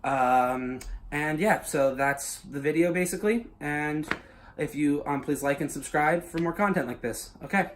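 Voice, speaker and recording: A man casually pitching his own story as a YouTuber, loose and swearing, full of filler words. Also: unhurried, slight background noise.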